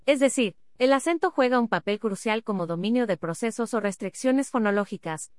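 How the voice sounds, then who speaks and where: A woman reading an academic paper aloud in a steady, measured way, reading symbols and figure captions out literally. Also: a little high, dry recording, studio quality.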